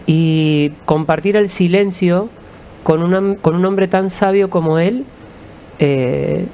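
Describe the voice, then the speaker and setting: A man with an Argentine accent, a musician guest, answering in a calm, reflective storytelling way. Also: sits high, takes it slowly, slight background noise. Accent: Argentine Spanish.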